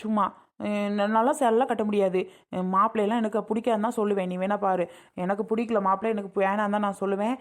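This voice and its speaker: Brief: a woman doing a stubborn young daughter, mid-pitched, defiant and argumentative in a family skit. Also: steady tone, quick pace, close to an everyday voice. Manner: defiant, arguing back.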